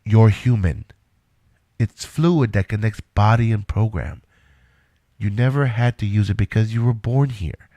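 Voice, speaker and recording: Voicing a domineering, confident middle-aged inventor for an audio drama, this male actor speaks in a measured, instructive way with a reassuring mood. His voice is fairly low and mellow, recorded without echo.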